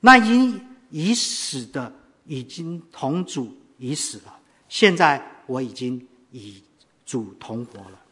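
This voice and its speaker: A man voicing a calm, assured convert who answers steadily and measuredly. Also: medium pitch, takes it slowly, breathy edge, full character voice.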